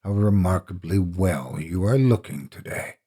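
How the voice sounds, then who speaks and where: A man playing a cunning, vengeful gentleman in a gothic horror story, speaking with deliberate, flattering courtesy. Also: low-pitched, husky, heavily acted. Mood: smooth flattery. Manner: flattering, deliberate, falsely reluctant.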